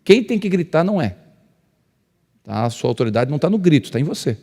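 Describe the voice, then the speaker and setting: A male pastor, telling stories to couples. He speaks loudly by nature, acts out dialogue and jokes with the crowd. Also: on the high side, very animated, brisk. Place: church hall. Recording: long reverb of a church hall.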